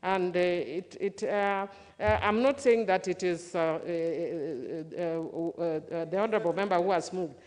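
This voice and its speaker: A woman who is a member of parliament makes a formal debate speech in a somewhat halting way. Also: lowish voice, darkish tone. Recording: echoey large chamber.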